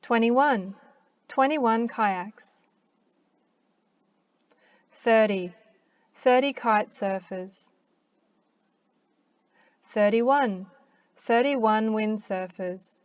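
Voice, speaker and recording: A woman with an Australian accent slowly demonstrates pronunciation, pausing carefully after each word. Her voice sits fairly high, and the recording is somewhat dull and lo-fi. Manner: slow deliberate word-by-word pronunciation with long pauses. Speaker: English accent teacher. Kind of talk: slow demonstration of counting aloud.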